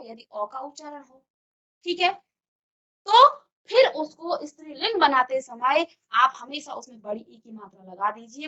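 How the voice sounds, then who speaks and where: A woman's voice: high voice, bright, forceful tone, dull audio. A woman teacher giving a classroom grammar lesson, explaining step by step and asking questions she then answers herself. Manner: explains step by step, often asks and answers her own questions. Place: virtual classroom studio.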